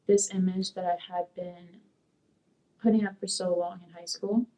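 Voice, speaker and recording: A young woman from Peru who grew up in Sacramento, now a community college student, answers oral history questions in a rambling, hesitant way, full of fillers. Her voice is lowish and warm, with little pitch movement and a moderate pace. She sits in a dark studio, and the distant mic gives a low-quality recording.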